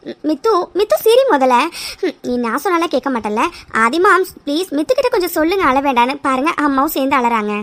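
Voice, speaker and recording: A woman's voice: high-pitched, expressive, fast, a bit bright, no echo. A woman playing a teasing younger sister. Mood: coaxing. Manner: teasing, bossy. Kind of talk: cartoon drama voice acting.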